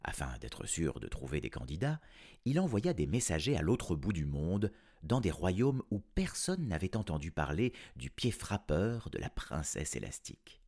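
A man narrating a children's story in an expressive, animated way. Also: deep voice, normal speed.

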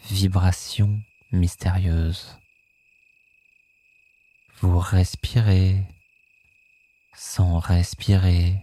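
A sleep meditation guide narrating guided hypnosis in a soothing, hushed manner, softly echoing some phrases. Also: low voice, slightly rough.

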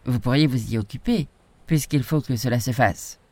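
A woman reading a storybook voices a calm, patient old sailor who teaches knot-tying. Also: mid-range voice, dry recording, voice pushed down, lightly acted. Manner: calm, measured, instructive.

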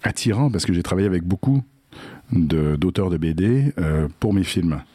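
A man from Quebec with a Québécois accent talks in a casual interview, his voice very deep and husky. He stumbles often, repeating words and filling pauses. The sound is dry and close. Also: lively intonation, mellow, dry recording. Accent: Québécois French. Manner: halting, many repeated words and fillers. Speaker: comic book scriptwriter, filmmaker.

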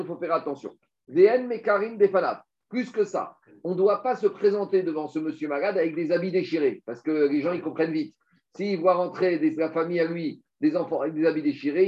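Guy teaching talmud in w/ words, kinda high voice, lots of rhetorical questions, dull lo-fi sound. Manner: explains step by step, rhetorical questions, animated. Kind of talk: Talmud study class. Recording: dull lo-fi recording.

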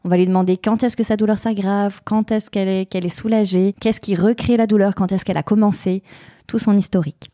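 A woman's voice: mid-range voice, steady tone, fairly quick, warm tone, dry recording, studio quality. A woman chiropractor answering interview questions, explaining step by step and listing things methodically. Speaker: chiropractor guest.

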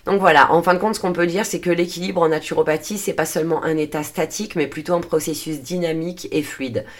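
A woman hosting a solo podcast, explaining her subject earnestly, with frequent hesitations and self-corrections and a dry throat. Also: low voice. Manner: earnest, steady delivery with frequent "euh" fillers and self-corrections. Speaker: podcast host and naturopathy coach.

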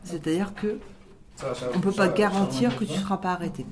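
A woman from northern France, a shelter volunteer who explains things in a friendly, relaxed way with many fillers. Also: medium pitch, a little fast. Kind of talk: casual chat. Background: loud crowd chatter.

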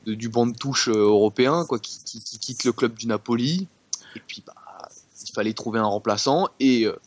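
Dry-sounding football pundit. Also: male voice, medium pitch, brisk, dry recording. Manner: rambling, repeats words, many fillers. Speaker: podcast guest, football specialist. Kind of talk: casual sports podcast chat.

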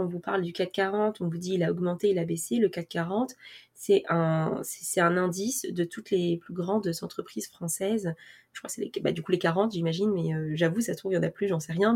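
A woman's voice: on the low side, husky. A woman vlogger talking casually to her viewers and explaining things step by step, with many fillers and restarts and the odd laugh at herself. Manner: self-mocking, laughs at herself. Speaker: personal finance vlogger. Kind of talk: casual explanatory talk to camera.

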